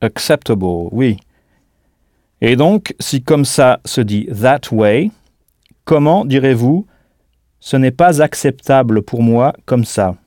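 A man leads a scripted audio language lesson in a dry studio sound with no room around him. His voice sits at an ordinary mid pitch. He talks slowly and deliberately and spells words out letter by letter. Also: animated, dark tone, no room sound. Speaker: language teacher.

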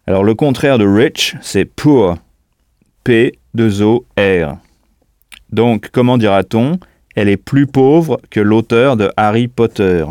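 A man teaching as a language tutor in a scripted audio lesson, speaking slowly and spelling words out letter by letter. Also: lowish voice, a little mellow, clear, resonant tone, no echo, studio quality.

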